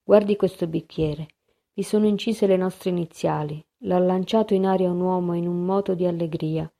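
An impassioned, lovesick nobleman, read by a woman pleads earnestly in an audiobook. The voice sits low and mellow, with a calm, even delivery. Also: normal speed, vocal fry. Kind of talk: audiobook reading.

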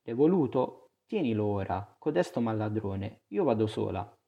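A man's voice: fairly low pitch, sing-song, normal speed, gravelly, dull audio, exaggerated voice. A man reading a storybook aloud and voicing a furious, scornful older widow who snaps out mocking lines.

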